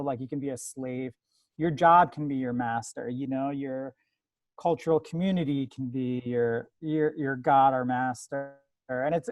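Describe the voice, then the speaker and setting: Born in Iran and raised in the United States, a man talks as an artist in an interview, rambling casually with many fillers and restarts. His voice is fairly high with a darkish tone, recorded with no echo.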